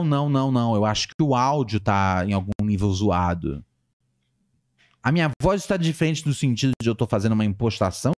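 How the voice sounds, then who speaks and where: A Brazilian man hosting a casual livestream podcast, answering his live chat with a playful, lively delivery. His pitch swings widely, and it jumps up whenever he reads out a viewer's name. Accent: Brazilian Portuguese. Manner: animated, playful, jumps in pitch when reading names.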